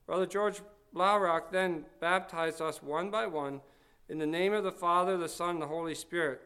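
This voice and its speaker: A man reading a story aloud to a congregation in a measured, earnest way. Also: high voice, fairly even intonation, bright, forceful tone, clean tone.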